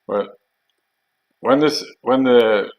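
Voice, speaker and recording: The recording has its highs cut off, and the man speaks at medium pitch. An older Geordie veteran from Northeast England, he tells his war stories anecdotally and casually, rambling slowly with plenty of hesitant fillers.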